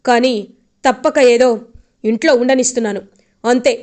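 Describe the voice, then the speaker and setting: A woman's voice: on the high side, moderate pace, a little mellow, lightly acted. A woman voicing a stern old grandfather who harshly rebukes a scheming woman, in a retelling of a TV serial. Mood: furious. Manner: harsh, contemptuous. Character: furious stern old grandfather, head of house.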